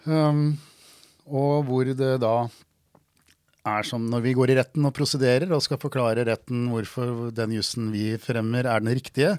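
Male lawyer, mid-pitched, measured and wry, telling a courtroom anecdote in a dry, close recording. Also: darkish tone, dry recording. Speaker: lawyer, podcast guest. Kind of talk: anecdotal storytelling.

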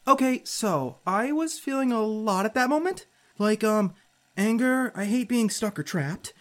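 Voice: mid-range voice, a little slow, fairly bright tone, close to an everyday voice. A performer playing a spirited, sarcastic youngster who narrates an audio drama in an informal, candid way. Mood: candid, flustered.

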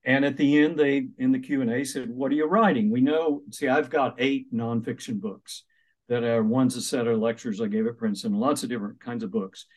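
A man's voice: mid-range voice, brisk. An older man, an author and minister, telling stories in an interview and acting out the voices he quotes. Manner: animated, acts out quoted voices. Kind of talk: interview storytelling.

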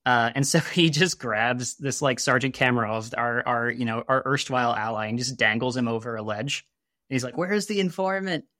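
Male podcast co-host, mid-pitched, casual and wry, meandering delivery, dry close sound. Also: steady tone, normal speed, sharp tone, no echo. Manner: rambling, heavy on "you know" and "like"; wry, sarcastic asides. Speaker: podcast co-host discussing a video game.

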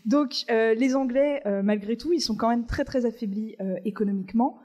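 A woman's voice: fairly high pitch, normal speed, dark tone. Chatty woman explaining history onstage. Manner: chatty, explains step by step with many fillers. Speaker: podcast co-host presenting a history segment. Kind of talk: casual explanatory talk on a live podcast. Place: stage in front of a live audience.

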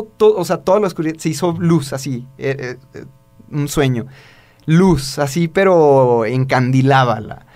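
A man with a Mexican accent, co-hosting a podcast, telling a spiritual story in casual talk full of restarts and fillers. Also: medium pitch. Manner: rambling with many restarts and fillers. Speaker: podcast co-host.

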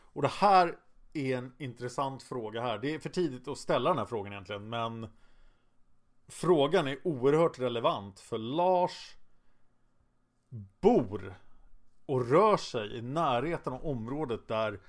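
A man's voice: medium pitch, lively intonation, long pauses. A man narrating a true-crime story in a casual, conversational way, with hesitant fillers now and then. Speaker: podcast narrator.

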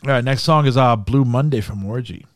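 A man's voice: medium pitch, brisk, no room sound, studio quality. A man co-hosting a podcast in casual banter, laid-back and swearing, calling everyone bro and man. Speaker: podcast co-host.

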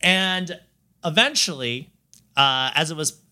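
A man's voice: on the high side, slow pace, bright, forceful tone, clean tone. A man hosting a podcast in casual chat, rambling with fillers and laughing often. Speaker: podcast host.

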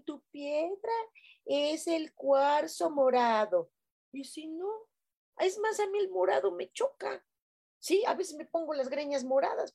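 A Mexican woman hosting a casual live stream, chatting playfully and reading out comments from viewers. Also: high voice. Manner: playful, chatty, breathy hushed guiding. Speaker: host of a live spiritual stream.

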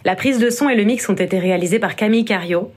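A woman calmly reading the credits of a podcast. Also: mid-range voice, fast, breathy edge. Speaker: podcast announcer. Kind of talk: scripted credits narration.

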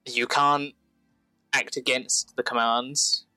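A man's voice: mid-range voice, level tone, slow, bright, forceful tone, clean tone, no echo, soft background music, rough recording. A man narrating a tabletop role-playing game as game master.

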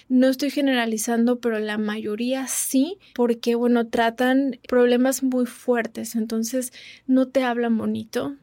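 Woman sharing her own story, higher voice, dry close sound, earnest and reflective. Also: dark tone, dry recording. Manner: earnest, reflective, acts out quoted lines. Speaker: person sharing a personal story. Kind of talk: personal testimony, casual storytelling.

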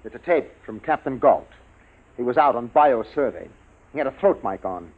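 A man's voice: mid-range voice, lively intonation, moderate pace, natural voice. An actor playing an earnest male scientist who explains a deadly danger urgently in a 1950s radio drama. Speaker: scientist on a space base. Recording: tinny old radio broadcast.

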